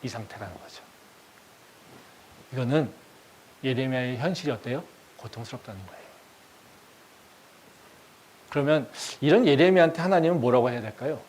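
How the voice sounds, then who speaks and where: A male pastor preaching a sermon, speaking emphatically, posing rhetorical questions and swinging between soft and loud delivery. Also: mid-range voice, moderate pace, pauses often.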